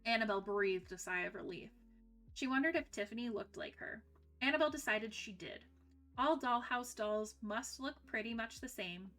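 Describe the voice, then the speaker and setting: Woman storyteller, children's book read-aloud, bright tone, faint music behind. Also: fairly high pitch, lively intonation, moderate pace. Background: faint background music.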